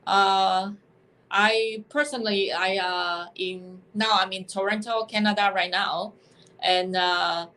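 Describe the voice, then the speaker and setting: A woman's voice: medium pitch, steady tone, takes it slowly, sharp tone, poor audio. A woman in her fifties from Taiwan with a Taiwanese Mandarin accent, telling her story as a guest on a video call, speaking hesitantly. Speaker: guest entrepreneur. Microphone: webcam on video call.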